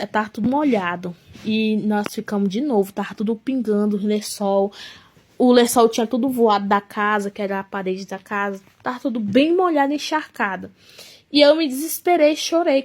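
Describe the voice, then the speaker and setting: A young woman telling her own life story, emotional and halting, often restarting her sentences. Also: a little high, a little mellow. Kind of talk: personal life testimony.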